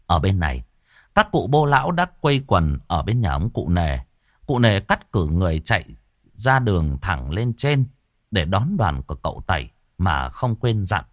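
Male audiobook narrator, low and animated, dry read. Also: normal speed, no echo. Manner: expressive storytelling. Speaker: storyteller.

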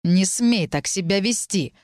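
A woman's voice: medium pitch, animated, measured pace, darkish tone, no echo, clean studio sound, natural voice. A woman reading the lines of an arrogant young male mage, curt and hissing through his teeth. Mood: angry.

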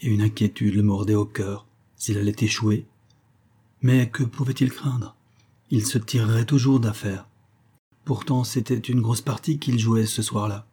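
Lecteur masculin, roman classique, voix sombre, lecture expressive et mesurée. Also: male voice, fairly low pitch, breathy edge. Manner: measured, expressive literary reading. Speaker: narrator. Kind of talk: audiobook reading of a classic novel.

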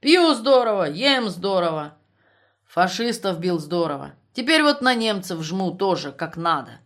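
A woman voicing a drunk, boastful male army officer who talks loudly and blusters. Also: lowish voice, sing-song, measured pace. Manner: loud, blustering, slurred bragging.

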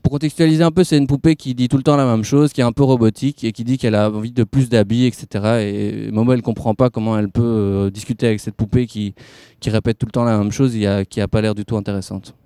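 Guy reading from a book on the radio, hesitant, stumbles a lot, mellow dark voice, dry sound. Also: lowish voice, fairly even intonation, quick pace, clear, resonant tone, no room sound. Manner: hesitant, restarts often, informal. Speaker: guest reader on a radio show. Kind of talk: reading a novel aloud with hesitant asides. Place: bar.

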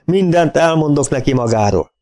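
A man's voice: on the high side, animated, gravelly, a little mellow, dry recording, clean studio sound, voice pushed up. A man voicing a desperate moustached dog owner who pleads and then rages, in a storybook reading. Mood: raging.

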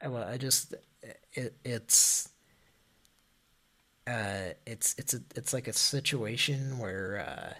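Slow, stammering man in comic chat. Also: medium pitch, pushed and bright. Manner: halting, stammering, restarts a lot, laughs easily. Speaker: co-host. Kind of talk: casual comedic banter.

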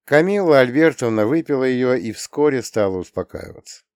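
A man's voice: medium pitch, expressive, fairly quick, darkish tone, smooth, no room sound. Man reading an audiobook, dry sound. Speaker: audiobook reader. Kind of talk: scripted narration.

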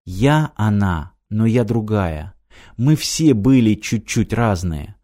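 Man reading as a sharp, teasing young woman. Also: fairly low pitch, expressive, slow. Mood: earnest.

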